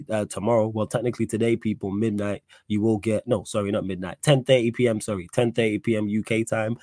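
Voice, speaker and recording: A man's voice: lowish voice, a little mellow, dry recording, studio quality. A man with a London roadman accent hosting a casual football fan livestream, talking in street slang and repeating himself for emphasis. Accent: London, urban slang. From United Kingdom. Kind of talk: casual live sports chat.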